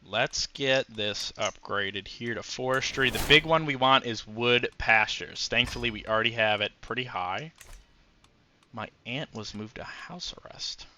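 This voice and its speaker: Guy narrating his strategy game, slow and thinking out loud, crisp bright tone. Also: medium pitch, a little hiss or hum. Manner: musing aloud while playing, frequent fillers. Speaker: gameplay commentator. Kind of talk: casual gameplay commentary.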